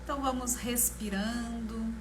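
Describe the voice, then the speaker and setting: A woman with a Brazilian Portuguese accent leading a guided meditation in a slow, soothing manner, leaving long pauses between short phrases. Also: fairly high pitch, fairly even intonation. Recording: clear background noise, ambience. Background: ambient meditation music.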